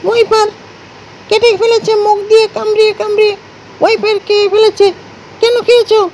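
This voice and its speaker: A woman playfully scolding her pet dogs on camera, firing off repeated threats and then coaxing them softly. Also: very high voice, level tone, brisk, slight background noise, poor audio.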